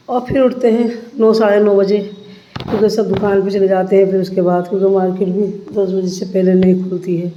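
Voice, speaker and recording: A woman's voice: medium pitch, warm tone, lo-fi sound, a little hiss or hum. A middle-aged woman, chatting casually to her vlog viewers and often thanking God. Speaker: vlogger. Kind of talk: casual vlog chat to camera.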